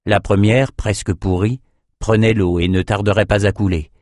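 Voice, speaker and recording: A man narrating an audiobook in a steady, measured voice. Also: on the low side, dry recording, studio quality.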